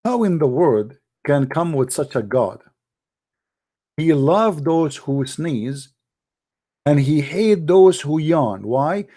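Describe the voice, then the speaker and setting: A man delivering an animated, sarcastic ranting monologue in broken English grammar, often breaking into mocking laughter. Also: on the high side, slow. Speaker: online commentator.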